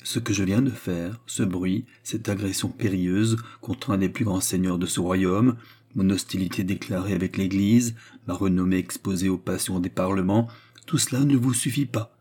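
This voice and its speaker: A proud and wounded queen, bitter and reproachful as she presses her questions, read by a man. The voice is low, dark and husky, in an audiobook reading of a novel. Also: normal speed. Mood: melancholy, bitter.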